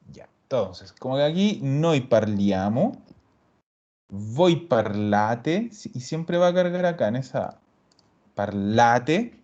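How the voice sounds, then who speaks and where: A man's voice: mid-range voice, lively intonation, normal speed, few pauses, dark tone. A man teaching a grammar class, explaining step by step and patiently repeating his students' answers. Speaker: Italian teacher. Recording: dull lo-fi recording.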